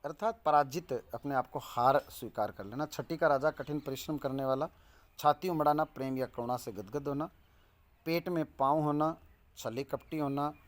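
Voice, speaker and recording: A man's voice: on the high side, moderate pace. A man explaining an exam answer key as a coaching teacher, in an emphatic, repetitive teaching manner.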